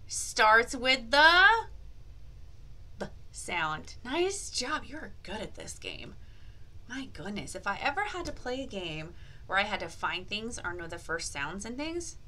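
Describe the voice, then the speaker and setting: Her mid-range voice is bright and forceful as she hosts a read-aloud language activity for young children. Playful and exaggerated, she encourages them, asks questions, and emphasizes key words like a teacher.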